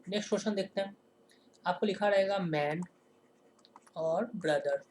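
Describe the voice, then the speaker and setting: A man's voice: high voice, a little mellow, slight background noise. Male teacher explaining step by step. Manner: asks rhetorical questions and answers them himself; slow, stressed repetition of example sentences. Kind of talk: classroom-style lesson explanation.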